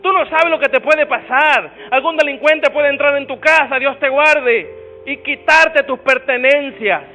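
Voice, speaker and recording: A man preaching a sermon as pastor, telling a story and building up to shouted exhortation. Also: very high-pitched, normal speed, a little hiss or hum, low-quality recording.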